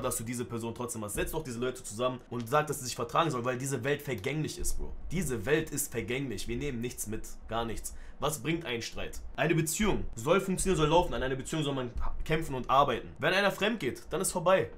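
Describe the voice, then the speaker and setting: A man's voice: a little high, fairly bright tone. A man in his twenties, a streamer speaking earnestly and emotionally to his viewers, making heartfelt appeals and calling them bro. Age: 20s. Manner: heartfelt, preachy appeals to the audience. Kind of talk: emotional livestream monologue.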